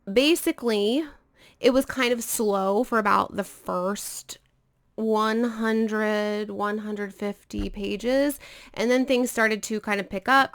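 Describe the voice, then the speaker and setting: A woman casually chatting about books for her video channel, rambling a little with frequent fillers. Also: medium pitch. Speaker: book vlogger. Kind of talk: casual book chat.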